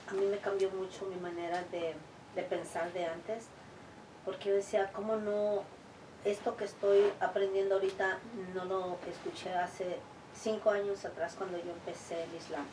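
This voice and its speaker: Flat-voiced woman in an echoey room. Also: on the low side, background noise. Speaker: convert attending a Q&A. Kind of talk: self-introduction. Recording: echoey room, distant mic.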